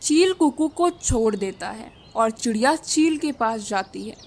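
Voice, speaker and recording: A woman reads the narration of a children's cartoon story, clear and even. Her voice sits high. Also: a little slow.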